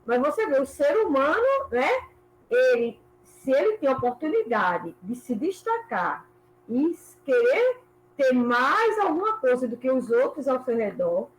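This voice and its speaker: A woman in a church book club, thinking aloud in an animated way about a passage over a video call. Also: high voice, measured pace, rough recording. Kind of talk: casual group discussion. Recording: faint background noise.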